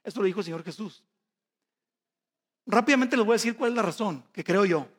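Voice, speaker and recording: A man's voice: sits high, a little fast, big-room sound. A man preaching a sermon, telling personal stories and reading scripture, calling the congregation brothers and asking them rhetorical questions. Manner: folksy personal storytelling. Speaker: pastor.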